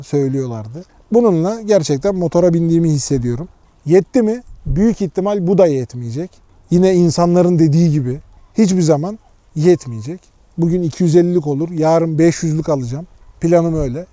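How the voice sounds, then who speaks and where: A man's voice: on the high side, animated, a little fast, mellow, dry recording. A man chatting casually as a motorcycle vlogger, informal and unpolished, thinking aloud as he goes. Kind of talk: casual motovlog chat.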